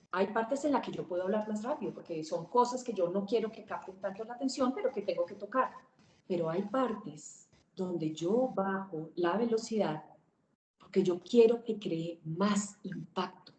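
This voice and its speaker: A woman teaching a public speaking webinar, swinging her pitch, volume and pace to demonstrate. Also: mellow, roomy sound, rough recording. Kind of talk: webinar lesson.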